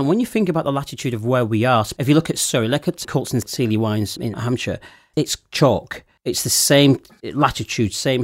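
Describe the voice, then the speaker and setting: A man's voice: mid-range voice, no echo, studio quality. A man explaining wine with enthusiasm in a casual panel chat. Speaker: wine expert guest.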